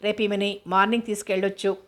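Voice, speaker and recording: A woman's voice: medium pitch, flat delivery, fast talker, fairly bright tone, close to an everyday voice. A woman reading aloud as a middle-aged male doctor who lectures and advises. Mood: lecturing.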